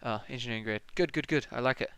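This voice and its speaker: A young man with a New Zealand accent talks through a maths exam paper on a live stream, relaxed and chatty as he works each step out aloud. His voice has a gravelly edge, yet it comes through smooth and clear. The sound is dry, with no room echo. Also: mid-range voice, fast. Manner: casual, thinks aloud, answers chat questions. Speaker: maths tutor.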